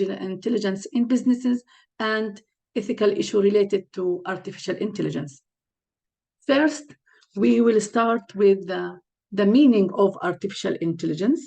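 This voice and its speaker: A woman's voice: medium pitch, darkish tone. A woman from Palestine hosting an online webinar on a video call, speaking with frequent fillers and restarts. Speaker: webinar host and lead coach.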